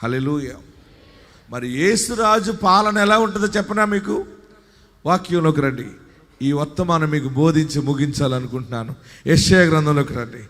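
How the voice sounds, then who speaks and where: A male pastor with a high, ringing voice preaches a live sermon, swinging between quiet asides and shouted exhortation. His words carry the long reverb of a large hall. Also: expressive, moderate pace. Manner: preaching with shouted rises and call-and-response verse reading.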